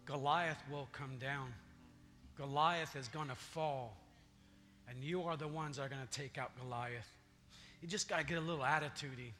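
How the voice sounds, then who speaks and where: A male pastor preaching a sermon, building up to forceful declarations in a church. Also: fairly high pitch. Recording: long church reverb, faint music.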